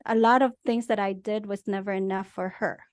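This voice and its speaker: A woman's voice: medium pitch, fairly even intonation, a little fast, a little mellow, dry recording, studio quality. A middle-aged woman from the Philippines, a guest earnestly telling her life story in a casual interview, with many fillers.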